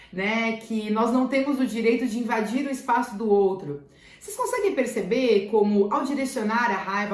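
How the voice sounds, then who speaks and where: A Brazilian Portuguese-accented woman teacher speaks to parents in a slightly raised pitch. She is earnest and hammers key phrases home through repetition. Her voice rings in a roomy, echoey space. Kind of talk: talking to parents. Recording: roomy echo.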